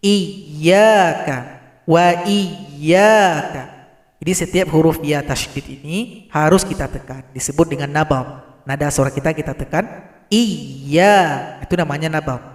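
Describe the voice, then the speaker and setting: Man teaching tajweed, high voice, slow measured delivery, echoing room. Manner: explains slowly, then recites verses in drawn-out chant. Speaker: Quran recitation teacher. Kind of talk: tajweed lesson with recited examples.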